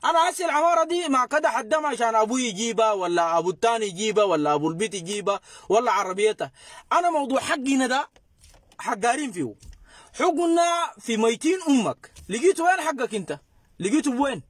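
A man's voice: very high-pitched, animated, fast, no room sound. A man with a Sudanese accent hosting a casual commentary, mocking and sarcastic as he reacts to clips. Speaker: host reacting to videos.

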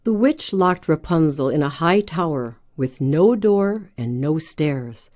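A woman reads a children's fairy tale aloud with a gentle, even delivery. Her voice is mellow and warm with a slightly low pitch. She takes her time over every sentence. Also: slow pace. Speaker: narrator. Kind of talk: scripted storybook narration for children.

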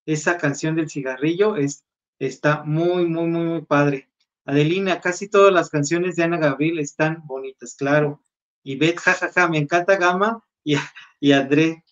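A man's voice: fairly high pitch, normal speed, fairly bright tone. A man co-hosting a casual gossip chat, easygoing and chatty. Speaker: show co-host. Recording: dull lo-fi sound.

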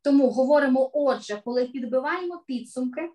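A middle-aged woman, a voice coach, teaching children in an online lesson with clear, emphatic delivery that stresses key words. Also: high-pitched, brisk, a little mellow.

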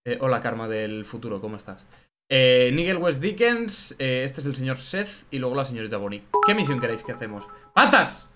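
A man giving chatty, excitable let's play commentary and greeting his chat. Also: medium pitch, fast talker, few pauses, loud music behind the voice. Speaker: gaming streamer.

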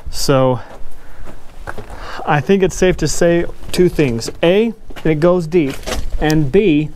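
A man in his thirties talking casually to camera with a lapel mic while exploring abandoned mines outdoors, easygoing and quick to exclaim. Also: fairly high pitch, a little mellow, a little hiss or hum. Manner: enthusiastic, easygoing, exclaims often. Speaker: mine explorer vlogger. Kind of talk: casual outdoor vlog narration. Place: outdoors in desert hills and mine tunnels.

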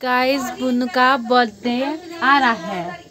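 A woman's voice: a little high, slow, a crowd in the background. A young woman vlogging casually, chatting with her viewers and calling them "guys", with English words mixed into her speech. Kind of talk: casual vlog chat.

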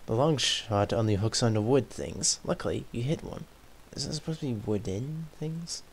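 A man's voice: medium pitch, animated, moderate pace, vocal fry, background noise. A man giving laid-back let's-play commentary, muttering item names and making dry asides. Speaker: gameplay commentator.

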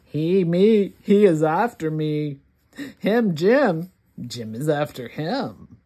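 Reading a rhyming book for children, this read-along host has a slightly husky, somewhat low voice. Each word lands deliberately for beginning readers while her pitch rises and dips with energy.

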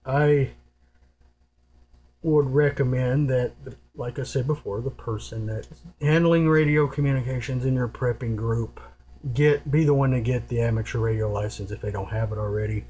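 Speaking at a moderate pace, a presenter with a mid-range, darkish-toned voice gives hands-on radio gear advice indoors at a table. His unscripted talk rambles along informally and matter-of-factly, over the clear noise and hum of a home recording.

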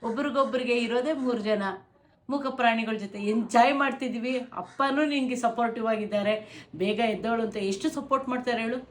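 Pleading mother with a high voice. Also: steady tone, fairly quick, roomy sound. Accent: Kannada. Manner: pleading, scolding and consoling. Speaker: mother of a vlogger. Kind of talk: emotional family talk.

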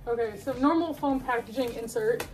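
A woman's voice: fairly high pitch, normal speed, darkish tone, far from the mic, faint music behind. A young woman casually chatting through an unboxing, gushing and laughing, a bit out of breath as she struggles with the box. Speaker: collectibles unboxing vlogger.

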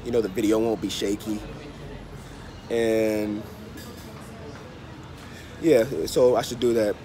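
A fairly low, warm, level voice belongs to this travel vlogger in his thirties, who is congested and unwell as he talks casually to camera. He repeats phrases at an easy pace, phone at arm's length, in an open-air hostel bar or cafe where traffic and vehicle ambience carry on.

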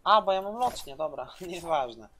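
A man in his twenties streaming a game live, loud and excitable, swearing and throwing in English phrases, on a headset in a small room. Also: a little high, moderate pace. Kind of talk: live gameplay commentary.

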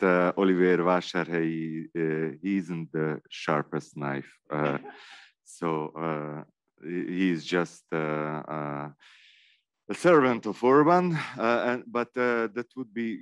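Man, very slow, hesitant, many fillers, muffled dry recording. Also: deep voice, clear, resonant tone, no room sound. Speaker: panel moderator. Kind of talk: unscripted remarks at a panel workshop.

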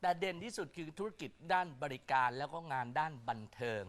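A man's voice: fairly high pitch, expressive, fast talker. A man giving weekly horoscopes on a chat show in a joking, teasing way. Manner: joking, teasing, chants spells. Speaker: astrologer guest.

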